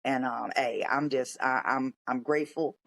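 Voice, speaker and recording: A man hosting a podcast interview, speaking in a measured, affirming, thoughtful way. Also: medium pitch, vocal fry, a bit bright. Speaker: podcast host. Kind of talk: interview conversation.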